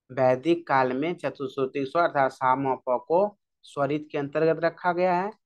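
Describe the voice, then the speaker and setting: A male music teacher giving an exam-prep lesson, repeating key terms over and over in a drill style. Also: mid-range voice.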